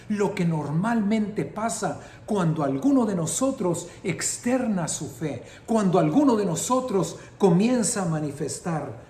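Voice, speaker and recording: A middle-aged man preaching an impassioned sermon that builds to shouting. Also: fairly high pitch, slight background noise. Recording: roomy echoing room.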